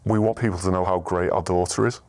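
A man interviewed as a parent, his voice electronically disguised and lowered, speaking in an earnest, measured way. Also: steady tone, a little mellow. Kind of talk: news interview.

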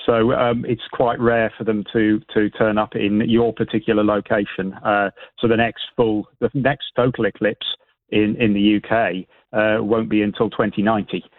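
A British man speaking as an expert guest in a radio interview, explaining informally in a hesitant, halting way with repeated words over a phone line. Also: on the low side, flat delivery, no room sound. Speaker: astronomy expert and event organiser, radio guest. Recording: band-limited tinny phone line.

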